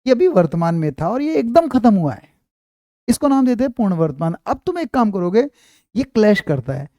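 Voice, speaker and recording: A man teaching Hindi grammar in an online class, slowly repeating example sentences and speaking into a clip-on mic. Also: high-pitched, big pitch swings, mellow, no room sound, clean studio sound.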